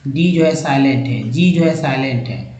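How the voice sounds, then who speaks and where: A man with a mid-range, slightly mellow voice teaches a slide-based phonics lesson at a moderate pace. He spells out letter groups and sounds out words in repetitive drills, addressing viewers emphatically as friends. The recording is rough and roomy.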